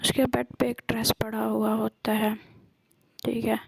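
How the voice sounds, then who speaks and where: Slow, flat, husky woman storyteller. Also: fairly high pitch, no room sound, low-quality recording. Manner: hesitant, many filler pauses; soft, half-whispered delivery. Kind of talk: casual story retelling.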